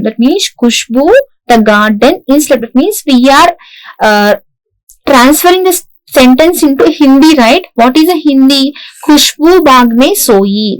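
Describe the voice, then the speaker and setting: A woman's voice: high voice, poor audio. A woman lecturer with an Indian English accent, explaining a lesson in a classroom style and often checking in with "right?". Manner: repeats "right?" to check understanding, frequent restarts.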